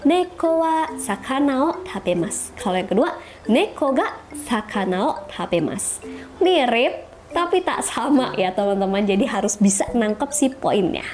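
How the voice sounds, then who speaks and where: A woman's voice: fairly high pitch, sing-song, normal speed, a little mellow, soft background music. A woman teaching Japanese in a casual video lesson, chatty and often asking her viewers rhetorical questions.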